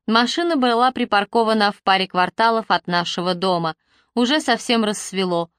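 A woman's voice: mid-range voice, fairly bright tone, no echo, clean studio sound. A woman narrating a first-person audiobook in an earnest, emotional way.

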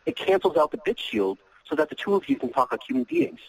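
A man speaking as a guest in a casual podcast chat, lively and playful as he gives examples. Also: sits high, fast, creaky, rough recording.

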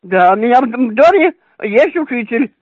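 A woman's voice: a little high, animated, normal speed, breathy edge, no echo. An older woman answering a prank phone call, puzzled, amused and polite. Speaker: call recipient. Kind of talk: phone conversation. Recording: muffled phone line.

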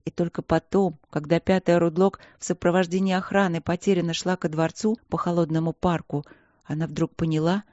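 Measured audiobook narrator, dry sound. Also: medium pitch, darkish tone, no room sound, dull audio. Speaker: audiobook reader. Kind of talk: scripted narration.

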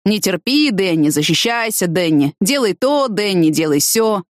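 Woman reading a gruff, blunt young man. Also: medium pitch, animated, moderate pace, no room sound, clean studio sound, natural voice. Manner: gruff, matter-of-fact. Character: blunt, hot-tempered young man, calm explainer. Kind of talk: audiobook reading.

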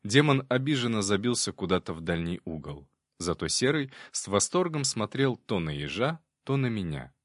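A man reading an audiobook in calm, measured scripted narration. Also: on the low side, dry recording, clean studio sound.

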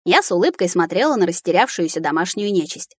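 A woman narrating a first-person fantasy audiobook in a lively reading voice. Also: on the low side, quick pace, slightly rough, no room sound, studio quality.

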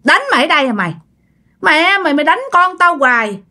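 A furious old male ghost with a Southern Vietnamese accent, put on by a woman telling a story, shrieking threats in a high, strained voice. He protects his daughter with raw fury. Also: expressive, fast talker, pushed and bright, exaggerated voice. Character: angry ghost of old great-grandfather, fierce.

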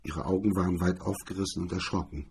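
Low, very husky male narrator. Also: fairly even intonation, fast, darkish tone. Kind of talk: scripted narration of a radio story.

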